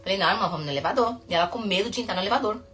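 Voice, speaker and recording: A woman, a psychotherapist talking casually to camera, telling stories in a chatty way that rushes ahead and then stops herself. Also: medium pitch, a bit bright, faint music behind.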